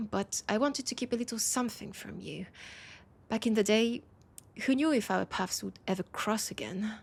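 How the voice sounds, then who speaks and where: Her voice is husky and breathy at a medium pitch as she plays an ancient vampire veteran, proud yet wistful, in an intimate audio roleplay. The woman has a French accent and delivers her lines slowly, sighing and leaving lingering pauses.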